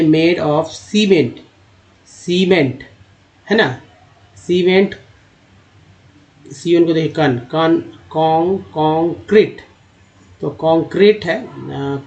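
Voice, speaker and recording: A man teaching reading, sounding words out slowly, syllable by syllable, and explaining in Hindi between the words. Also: on the high side, darkish tone, dull audio. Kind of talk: slide-based reading lesson.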